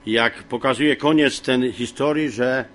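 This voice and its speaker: A man teaching from the Bible in a homely, rambling way, with many fillers and frequent throat clearing. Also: mid-range voice, measured pace, fairly bright tone. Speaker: preacher.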